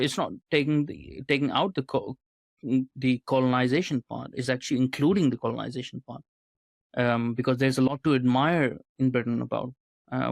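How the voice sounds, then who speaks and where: A podcast guest who works as a writer and commentator speaks in a medium-pitched voice with vocal fry, recorded with no room sound. He answers interview questions earnestly, frequently checking in with a questioning "right?"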